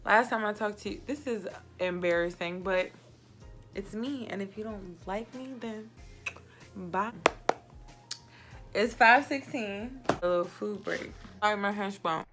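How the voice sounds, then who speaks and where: A woman's voice: mid-range voice, measured pace, pauses often, over music. A woman in her twenties chatting casually to camera as a makeup vlogger, with a tipsy, giggly, rambling drunk manner. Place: small indoor home set, close to camera.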